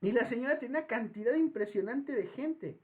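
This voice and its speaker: A man with a Mexican accent giving a psychology lecture as the professor, animated and acting out voices in his examples. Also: very high voice, brisk. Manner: animated, acts out voices in anecdotes. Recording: tinny phone-like audio.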